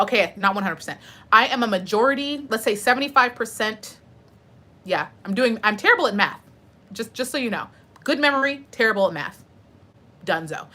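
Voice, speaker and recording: Chatty bright-voiced woman streamer. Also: mid-range voice. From United States. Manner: chatty, animated, answers chat questions. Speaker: live streamer. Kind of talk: casual live stream chat.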